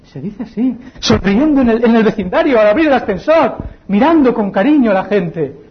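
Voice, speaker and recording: A man with a Spanish accent preaching a sermon, addressing the congregation as brothers, swinging between hushed pleading and raised fervent exhortation. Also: extremely high pitch, animated, normal speed, a little hiss or hum. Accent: Spain Spanish. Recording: dull lo-fi recording.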